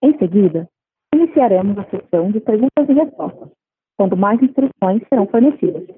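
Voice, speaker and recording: A woman's voice: medium pitch, lively intonation, a little fast, husky. A woman with a Brazilian accent reads a scripted conference call announcement as an operator, in a polite, formal customer service voice. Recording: muffled lo-fi conference phone line.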